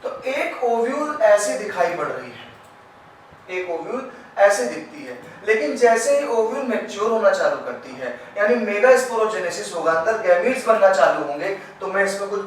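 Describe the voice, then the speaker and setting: A man teaches a lesson, loud while explaining and quiet while he draws, and keeps checking that it is clear. His voice sits a little high. He is recorded from a distance in a very echoey room with faint hiss behind. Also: lively intonation, normal speed. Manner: explains step by step, asks "clear?" often. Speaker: biology teacher. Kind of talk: classroom lesson at a board.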